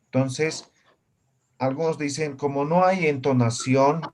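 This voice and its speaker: A man's voice: a little high, fairly even intonation, unhurried. A man teaching a language class, patiently explaining and often checking in with his students. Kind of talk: classroom lesson.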